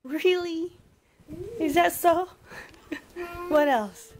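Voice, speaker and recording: A woman's voice: very high-pitched, extremely slow. A young mother doing sing-song baby talk to her infant and laughing often. She is filming at home with a handheld camera, and her voice is still coming back after she lost it. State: voice recovering from loss. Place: indoors at home. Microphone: handheld camera close up. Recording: noisy home video.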